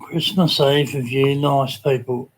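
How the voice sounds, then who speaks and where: Slow, even-toned Tasmanian man chatting casually. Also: mid-range voice, poor audio. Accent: Tasmanian Australian. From Tasmania, Australia. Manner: laid-back, colloquial, hesitant with frequent ums. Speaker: livestream host. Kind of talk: casual live chat, greeting viewers.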